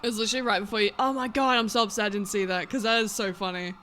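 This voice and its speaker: A woman's voice: medium pitch, fairly even intonation, racing, bright, forceful tone, a little hiss or hum. A woman streaming a roleplay game, chatting casually and giggling often while she plays at home. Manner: giggly, chatty, easily amused. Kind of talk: casual live-stream chat. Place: home room with a vacuum running.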